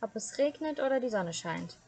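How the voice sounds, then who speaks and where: A greedy, quarrelsome fisherman's wife, put on by a woman reading a fairy tale, barks her orders. Her tone is scolding and commanding, and a little louder than the narration around it. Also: on the high side, animated, normal speed, creaky, voice pushed up.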